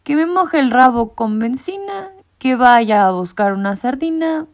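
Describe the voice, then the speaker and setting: A woman's voice: high-pitched, lively intonation, unhurried, voice pushed up. Woman doing a whiny grumbling errand cat. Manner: whiny complaining. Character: put-upon male errand cat, grumbling. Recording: muffled lo-fi recording.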